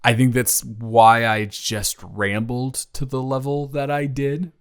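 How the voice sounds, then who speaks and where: Speaking slowly and smoothly at a medium pitch and level tone, a man plays a young college athlete reunited with a childhood friend in an improvised romantic audio roleplay. The character is nervous and smitten, rambling and stammering earnestly.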